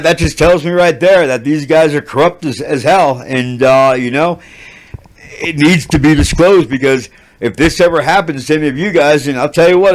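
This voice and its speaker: A man hosting his own channel, ranting unscripted about a grievance, agitated and swearing, with many restarts and fillers. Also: mid-range voice. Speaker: channel host. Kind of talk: unscripted rant to camera.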